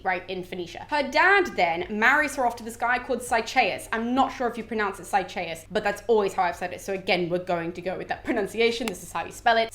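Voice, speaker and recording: A woman's voice: medium pitch, a bit bright. A young woman explaining a classic text in a chatty, casual way, with wry asides. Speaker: classics educator. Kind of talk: casual summary lesson.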